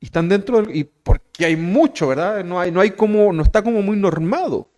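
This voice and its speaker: A Chilean pastor delivers a teaching sermon in a high, fairly quick, somewhat dark voice. He talks conversationally, keeps tossing in "¿verdad?" to check in, and puts direct questions to the congregation.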